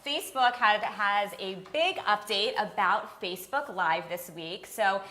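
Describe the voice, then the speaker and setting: A woman hosts a live social media show, running through news updates and event plugs in a brisk, promotional manner. Her voice sits mid-range and carries a noticeable room echo. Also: medium pitch, bright, forceful tone. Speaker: host. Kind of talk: upbeat live show hosting.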